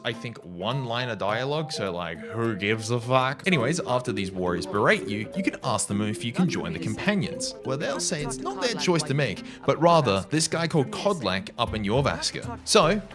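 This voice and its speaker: A man hosting a gaming video, delivering scripted commentary in a sarcastic, jokey manner with frequent swearing. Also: medium pitch. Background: background music.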